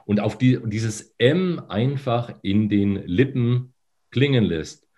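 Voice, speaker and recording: A man's voice: medium pitch, expressive, slow pace, mellow. A male voice coach on a podcast, his voice a little phlegmy in the morning, explaining and demonstrating voice exercises with hums. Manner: instructive, demonstrates with hums and sung lines.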